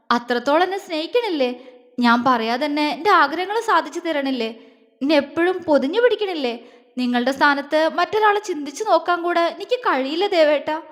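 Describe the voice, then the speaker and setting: A woman's voice: high-pitched, expressive, a little fast, a bit bright, big-room sound. A woman voicing a young wife in a romance story, confiding her feelings in a tearful, heartfelt way.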